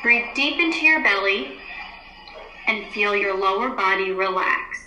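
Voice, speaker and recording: A woman teacher leading a calm guided grounding and breathing exercise, giving soothing, unhurried instructions with long pauses. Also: mid-range voice, slight background noise. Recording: roomy, echoey indoor sound.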